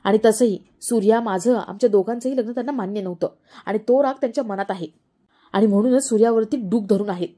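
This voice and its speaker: A woman narrating gives voice to a determined young wife in a retold family drama. She presses again and again with pleading questions. The tone stays mellow and unhurried. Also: fairly high pitch, natural voice. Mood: earnest.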